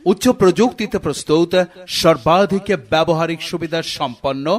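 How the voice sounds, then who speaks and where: A man with a Bangladeshi accent voices a scripted shop advertisement, playing an agreeable, eager announcer in a promotional mood. His voice is on the high side and close to everyday speech, at a moderate pace.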